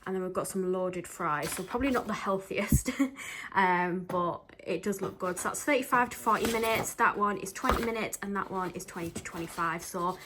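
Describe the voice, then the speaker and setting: A woman's voice: fairly low pitch, moderate pace, background noise. A woman chatting casually into her camera for a vlog, rambling with plenty of ums. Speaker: vlogger. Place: outdoors on a walk, then at home.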